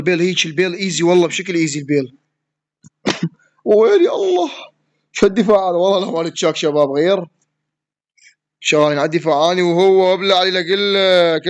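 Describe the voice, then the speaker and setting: A man with an Iraqi Arabic accent giving live gameplay commentary, excitable, yelling at opponents and swearing as he plays. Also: fairly high pitch, dull audio. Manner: excitable, yells at opponents and swears mid-play. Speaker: gaming streamer.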